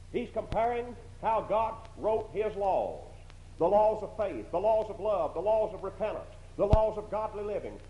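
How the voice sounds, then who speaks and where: In a church, a man with a strong, high-pitched, slightly mellow voice preaches emphatically, repeating phrases and posing rhetorical questions. The lo-fi recording sounds dull, with some hiss or hum and the echo of a large hall.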